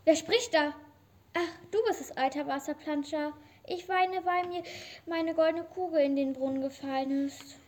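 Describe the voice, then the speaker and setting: A woman's voice: high-pitched, steady tone, moderate pace, natural voice. A woman playing a spoiled, haughty young princess in a fairy-tale radio play. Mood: wheedling. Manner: haughty and petulant.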